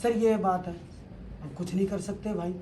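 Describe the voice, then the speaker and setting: A woman's voice: medium pitch, steady tone, normal speed, dark tone, a little hiss or hum. A woman from Delhi, a devotee, earnestly recounting her story to a spiritual leader. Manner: earnest, recounting with quoted exclamations. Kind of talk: emotional testimony.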